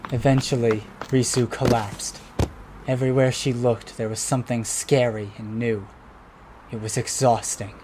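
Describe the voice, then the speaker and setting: A man narrating a children's storybook in a calm, even voice. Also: medium pitch, normal speed, background noise.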